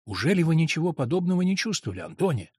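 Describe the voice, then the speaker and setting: A man voicing a passionate, brooding monk in an audiobook, speaking in a low, hushed and intense voice. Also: very animated, rapid-fire, breathy edge, dry recording, studio quality. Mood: hushed, probing. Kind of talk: audiobook reading.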